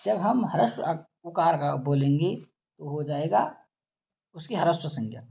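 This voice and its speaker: Slow, gravelly man chanting grammar rules. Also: a little high, expressive, warm tone. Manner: chants sutras, then explains in Hindi; drawls out vowels to demonstrate length. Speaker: Sanskrit grammar teacher. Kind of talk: slow explanatory lecture. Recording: dull lo-fi audio.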